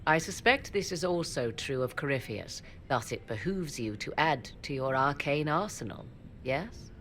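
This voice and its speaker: For a video game cutscene, an actress plays a woman mage dealing in forbidden arts, aloof and sardonic, with formal, old-fashioned wording and dry, teasing remarks. Her low voice is animated and fairly bright at normal speed, with slight background noise.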